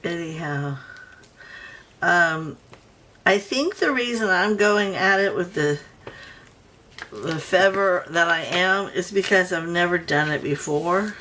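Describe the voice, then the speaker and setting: A woman's voice: on the low side, takes it slowly, long pauses, a bit bright, a little hiss or hum, rough recording. A woman vlogging casually from her home craft room, rambling and chatty as she works on a project. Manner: rambling, chatty, with many restarts. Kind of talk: casual crafting chat while working.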